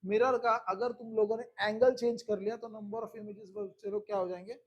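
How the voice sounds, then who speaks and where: Man, classroom lecture, high voice, asks and re-asks the students. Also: steady tone, normal speed, muffled recording. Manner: repeats questions to the class, coaxing and explanatory. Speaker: teacher.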